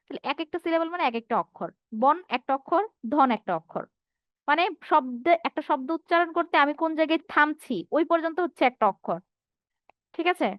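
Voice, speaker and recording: High-voiced woman teaching an online class. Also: expressive, fairly quick, no room sound, dull audio. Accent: Bangladeshi Bengali. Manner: reads out students' answers and asks rhetorical questions.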